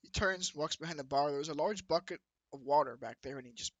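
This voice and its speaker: A man narrating as game master of a tabletop game, often pausing to correct himself. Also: fairly high pitch, no room sound.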